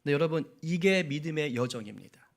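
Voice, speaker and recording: Middle-aged male pastor, animated sermon delivery with rhetorical questions, voice on the higher side. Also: brisk, creaky.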